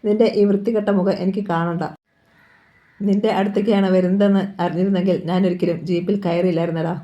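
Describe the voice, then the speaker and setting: A woman reading the part of an elderly Gandhian man, loud and rebuking, in a storybook reading. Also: lowish voice, fairly even intonation, quick pace, muffled recording, close to an everyday voice. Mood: angry.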